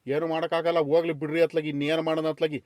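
A man's voice: on the high side, little pitch movement, a little mellow, no room sound, natural voice. A man voicing an elderly village farmer in a comedy cartoon, talking in a rural southern Karnataka Kannada accent and fussing to hurry his workers. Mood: soothing. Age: older. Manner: fast, fussing and peacemaking. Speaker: farm owner.

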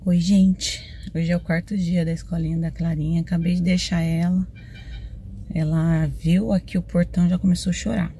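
A woman's voice: fairly low pitch, level tone, normal speed, dark tone, slight background noise. A young mother from Brazil chatting casually to viewers in a phone vlog, confiding and talkative. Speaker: vlogger mother. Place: on the go outdoors and in a car, rainy day.

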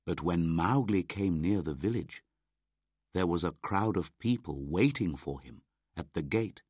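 A man narrating a graded-reader audiobook in a slow, clear, measured way. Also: sits low, animated, a little mellow, no room sound, clean studio sound.

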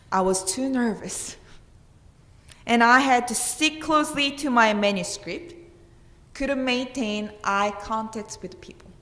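Through a pulpit microphone in a roomy, long-reverberating church, a woman pastor in her thirties with a Korean accent delivers an earnest sermon punctuated by emphatic questions. Her voice is a little high and a bit bright.

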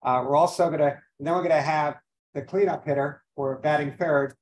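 A man's voice: a little high, steady tone, fairly quick, rough recording. A man hosting a financial seminar in front of a live audience, talking casually, rambling a little, with lots of fillers. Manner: rambling, self-deprecating, many fillers. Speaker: seminar host, financial advisor. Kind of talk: casual opening remarks at a seminar. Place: event venue with a live audience.

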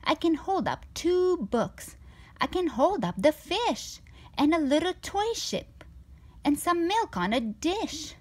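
A woman's voice: extremely high pitch, very animated, slow, pitched above the performer's own voice, full character voice. A woman voicing a boastful, playful giant cat in a storybook, with an eager, showy, sing-song delivery. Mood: excited boasting.

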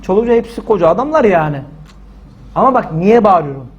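Male preacher, high voice, husky edge, delivers sermon loudly and forcefully. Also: sing-song, fairly quick, dull audio. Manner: loud, forceful, shouting preaching.

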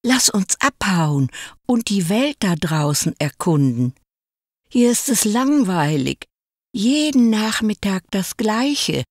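A woman voicing an eager, bossy tall puppet in a read-aloud fairy tale, in a lively, raised voice. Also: mid-range voice, slow pace, dry recording, studio quality, voice pushed up, heavily acted. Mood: restless, eager. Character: cheeky restless tall male puppet.

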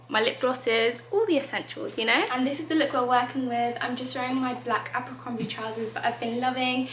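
A woman's voice: on the high side, fairly bright tone, slight background noise. A young woman, chatting upbeat to camera in a casual travel vlog. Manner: chatty and upbeat, addressing viewers as girls. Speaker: travel vlogger.

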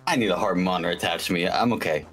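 A man's voice: low voice, brisk, fairly bright tone, faint music behind. A young man joking nervously and cheering on his teammates during an online game. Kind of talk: casual gameplay chat.

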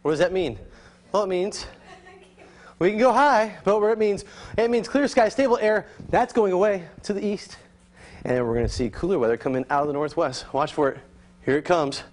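A man giving a live TV weather forecast in an excitable way, exclaiming and repeating himself. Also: high-pitched, normal speed.

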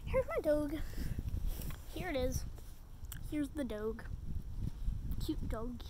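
A woman's voice: high-pitched, sing-song, takes it slowly. Chatty young woman vlogging over noise. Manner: chatty, rambling, gushing baby talk to a dog. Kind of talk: casual vlog chat.

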